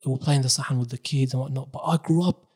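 A young Iraqi-born man who works as a religious reciter tells his life story in a relaxed podcast chat, sprinkling in Arabic phrases. His voice is medium-pitched with a breathy edge, and he talks fast.

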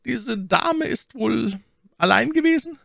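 A man's voice: very high voice, animated, slow, vocal fry, sharp tone, dry recording, studio quality, pitched above the performer's own voice, exaggerated voice. A man reading an audiobook, voicing a scheming older male cardinal in a raised, lilting, coaxing voice. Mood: probing. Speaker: audiobook reader.

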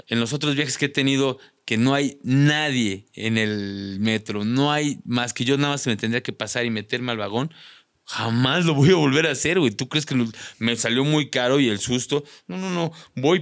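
A young man with a Mexican Spanish accent tells a story on a podcast. He talks in an animated, slangy way and keeps jumping into other people's voices. His voice sits at a middle pitch and sounds dry and close to the mic. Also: no echo. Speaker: podcast guest. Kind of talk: casual storytelling.

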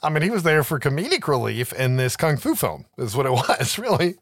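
A man's voice: mid-range voice, very animated, brisk, fairly bright tone, no room sound, studio quality. A man hosting a podcast, casually retelling a film's plot with swearing and frequent "right?" asides. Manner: laid-back, swears, keeps adding "right?". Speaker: podcast host. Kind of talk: casual movie recap chat.

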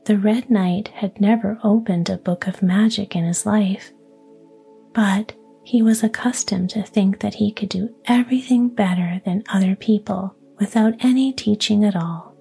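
A woman whispering a fairy tale in a slow, hushed, even storytelling manner, ASMR style. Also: mid-range voice, faint music behind. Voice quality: breathy whisper.

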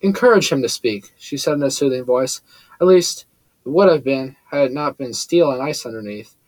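A man reading a first-person story aloud as an audiobook narrator, in measured, steady storytelling. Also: mid-range voice, dry recording.

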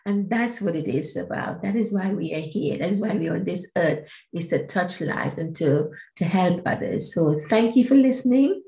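A woman's voice: fairly low pitch, a little mellow, reverberant. A woman hosting her own podcast as a life coach, speaking in an earnest, encouraging way and repeating her phrases. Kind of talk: solo podcast monologue.

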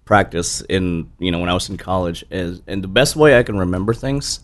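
Tired, rambling man, lowish voice. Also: expressive, brisk. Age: 30s. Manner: rambling storyteller with many restarts, cursing. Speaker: bartender guest. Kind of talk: casual interview chat.

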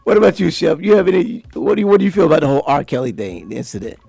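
Animated gravelly-voiced male interviewer. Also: on the high side, rapid-fire, no echo. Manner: animated, laughs a lot, agrees often. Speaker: interviewer host. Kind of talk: casual interview. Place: barbershop.

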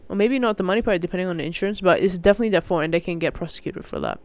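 A young Malaysian adult hosts a solo podcast in a very fast, mid-range voice. The chat is casual and rambling, often breaking off and restarting, with mild slang.

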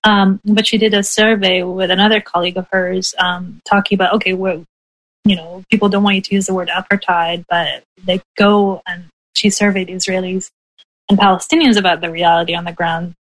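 A woman's voice: mid-range voice, flat delivery, a little fast, poor audio. Woman professor explaining with light laughs. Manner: explanatory, frequent soft laughs and "right?" tags. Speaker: professor, guest. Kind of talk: conversational interview.

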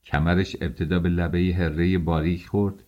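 A man reading a novel aloud as an audiobook, telling the story in a measured first-person voice. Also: low-pitched, fairly even intonation, a little mellow, dull audio. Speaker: audiobook narrator.

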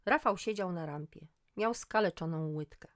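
A middle-aged woman reading a first-person story aloud, lifting her voice for the dialogue. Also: moderate pace. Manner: voices dialogue with lively rises in pitch. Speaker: audiobook narrator. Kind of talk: first-person audiobook narration.

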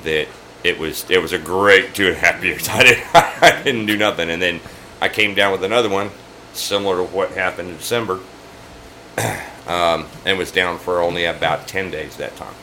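A middle-aged man with a very low voice that still has a bright, forward edge talks loosely over drinks, swearing easily as he tells stories. A faint air-conditioner hum sits behind him in a saloon. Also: moderate pace, rough recording. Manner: profane, laid-back storytelling. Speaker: bar owner and host. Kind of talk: casual chat over drinks.

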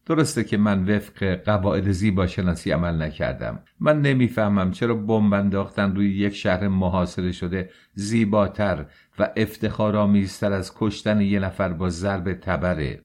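A man's voice: low voice, darkish tone, natural voice. A man voicing a proud, tormented young man who argues heatedly and bitterly.

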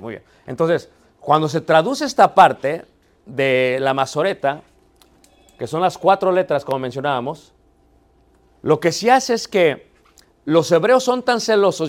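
A man teaches a Bible theology class. His voice sits a little high for a man. He poses rhetorical questions, answers them himself, and often checks with the class.

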